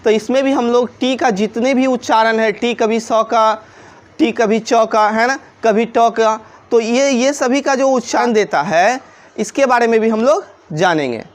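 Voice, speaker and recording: A woman's voice: fairly high pitch, a little slow. A woman with a Hindi accent teaching a pronunciation lesson, spelling words out letter by letter and putting questions to her viewers that she answers herself. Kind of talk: classroom-style video lesson.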